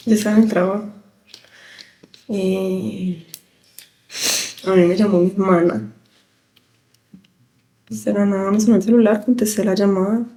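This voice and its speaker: A woman, softly recounting a painful memory in an interview, halting as she goes. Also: medium pitch, fairly even intonation. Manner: halting, soft-spoken recounting. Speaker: victim's daughter. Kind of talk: interview testimony. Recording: roomy echoing room.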